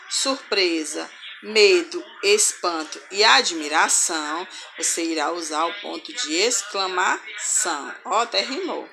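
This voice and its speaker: Woman, schoolteacher, slow explanatory pace, bright tone, expressive read-aloud examples. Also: medium pitch, a little hiss or hum. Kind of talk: remote grammar lesson for children.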